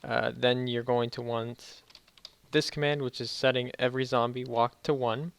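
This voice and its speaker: A man's voice: medium pitch, little pitch movement, creaky, smooth. Young man, sore-mouthed casual tutorial talk. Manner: halting, self-correcting explanations. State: sore mouth after wisdom teeth removal, slightly muffled careful speech. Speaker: tutorial video host. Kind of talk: casual off-the-cuff game tutorial commentary.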